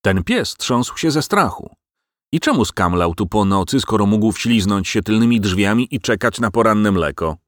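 A blustering middle-aged male farmer snaps gruff threats in a low voice, read by a man. It is a storybook reading with a lively swing and a dry, close sound. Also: moderate pace, no room sound, natural voice. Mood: uneasy.

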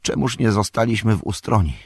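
A man's voice: on the low side, lively intonation, brisk, creaky, slightly rough, no room sound, clean studio sound, heavily acted. A man voicing an earnest, anxious young male hobbit in a storybook reading. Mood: worried.

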